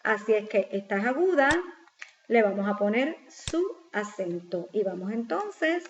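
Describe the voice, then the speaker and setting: A woman's voice: mid-range voice, expressive, measured pace. Woman teacher w/ going over an exercise step by step, kinda dull lo-fi sound, faint hiss. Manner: patient, step-by-step, asks and answers own questions. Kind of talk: explaining a grammar exercise. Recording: slightly dull lo-fi recording with faint noise.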